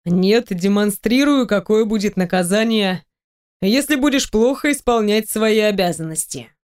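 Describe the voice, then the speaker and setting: A woman voicing a teasing, domineering male boss in an audiobook, speaking low, slow and mocking. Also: animated, darkish tone, smooth, natural voice.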